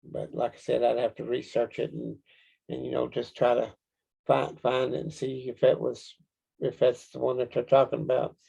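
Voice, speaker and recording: A man with a Kentucky accent answering interview questions casually, in a folksy, halting storytelling way. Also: mid-range voice, completely flat delivery, creaky, mellow, slightly rough, poor audio. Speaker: interview guest, Bigfoot researcher.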